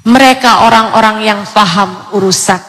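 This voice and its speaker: A woman's voice: mid-range voice, normal speed, fairly bright tone, long reverb tail. A woman in her forties from Indonesia, preaching a sermon to an audience and telling stories with acted dialogue. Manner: storytelling, acts out dialogue voices. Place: lecture hall before an audience.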